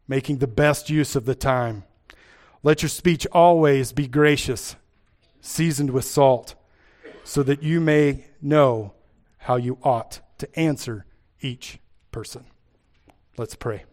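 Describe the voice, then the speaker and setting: A man's voice: mid-range voice, slow, a little mellow. A man from Kentucky with an Appalachian accent, preaching a sermon and teaching from scripture, repeating key phrases for emphasis.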